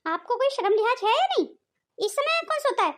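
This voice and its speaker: A woman's voice: very high-pitched, very animated, a little fast, exaggerated voice. A woman voicing a hot-tempered married daughter in a cartoon family drama, accusing and bossy in her manner. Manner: accusing, sharp-tongued, bossy.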